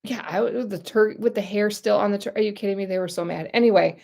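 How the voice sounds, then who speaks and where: Talking quickly in a gravelly, slightly mellow, medium-pitched voice, a middle-aged American woman rambles casually on her YouTube livestream, speaking directly to viewers.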